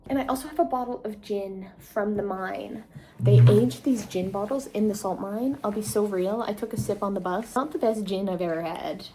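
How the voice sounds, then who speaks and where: A travel vlogger in her twenties chats casually to the camera, tired at the end of the day and poking fun at herself. Her medium-pitched voice has a dark tone, and the poor audio carries a faint hiss or hum.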